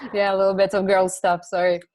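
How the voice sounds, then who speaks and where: A woman from Ukraine, speaking on a video call from home as a guest speaker, hesitant, with many fillers and restarts. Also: medium pitch. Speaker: community organizer, guest speaker. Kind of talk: casual online talk.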